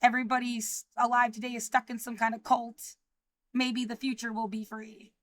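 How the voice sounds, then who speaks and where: A woman's voice: on the high side, level tone, a bit bright, no room sound. Anxious rambling woman in her thirties. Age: 30s. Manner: anxious, rambling, halting with many restarts. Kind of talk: livestreamed personal monologue.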